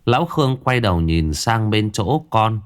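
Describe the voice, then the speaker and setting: A man narrating a scripted ghost story in a steady, expressive storytelling voice. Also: on the low side, normal speed, smooth.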